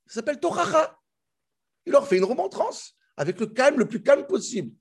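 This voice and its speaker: A man with a fairly high, husky voice gives a Torah class on the commentaries. He talks in an animated, restless way, often restarting his phrases and leaping up in pitch to make a point. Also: a little fast. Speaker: Torah teacher.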